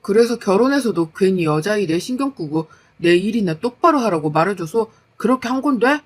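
A woman's voice: mid-range voice, lively intonation, brisk, natural voice. A woman voicing a lazy, defensive young husband who grumbles and brushes off complaints in a story. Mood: grumbling, defensive. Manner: whiny, dismissive.

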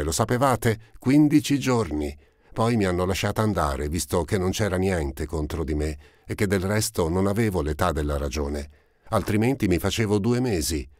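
A man reading an audiobook, voicing a poor, ragged teenage girl who talks eagerly and rambles, in a raised girlish pitch. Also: dry recording, studio quality.

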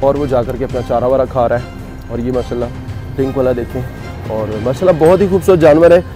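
Chatty man with a mellow voice. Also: medium pitch, brisk, soft background music. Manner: chatty, joking, talks to viewers as "bhai". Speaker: vlogger touring a cattle farm. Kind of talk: casual walking vlog commentary. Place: outdoors at a cattle farm.

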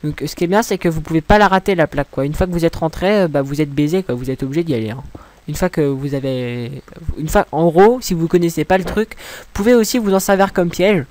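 Young man, from France, casual game tutorial, rambling, self-mocking, a bit high-pitched. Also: quick pace, darkish tone, no room sound. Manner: rambling, self-mocking, swears when frustrated. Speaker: gaming tutorial creator.

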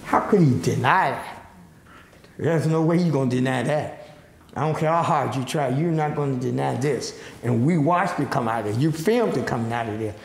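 A man's voice: mid-range voice, normal speed, creaky, husky. An older man speaking outdoors as a community advocate in a news interview, emphatic and plain-spoken. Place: outdoors in a neighborhood.

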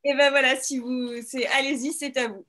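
A woman's voice: high voice, steady tone, moderate pace, a bit bright, a little hiss or hum. A woman moderating an online panel discussion, speaking hesitantly with many fillers and restarts.

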